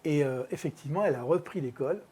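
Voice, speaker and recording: Husky, mellow-voiced workshop speaker telling a story. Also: medium pitch. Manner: storytelling, acts out dialogue with a child; relaxed, many fillers and pauses. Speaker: EFT practitioner and trainer. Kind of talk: workshop talk with an anecdote.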